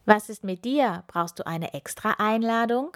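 A woman voicing a bossy, cheerful witch with a brisk, teasing manner. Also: mid-range voice, lively intonation, dry recording, clean studio sound, close to an everyday voice.

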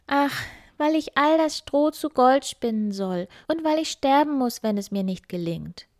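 Woman doing a desperate young miller's daughter for a storybook: high, tearful, recorded dry. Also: expressive, unhurried, a little mellow, no room sound. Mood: despairing.

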